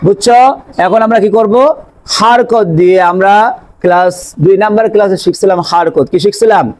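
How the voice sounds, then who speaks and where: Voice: mid-range voice, fairly even intonation, a little fast, darkish tone. A teacher leads a classroom pronunciation drill. The teacher asks questions and answers them, repeating each letter sound several times. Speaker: Quran recitation teacher.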